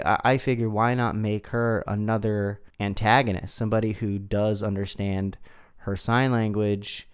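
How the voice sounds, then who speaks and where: Man, low voice, smooth and resonant, casual film talk, loose and joking. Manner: relaxed, joking, thinks aloud with restarts. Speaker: podcast co-host. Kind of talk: casual film review chat.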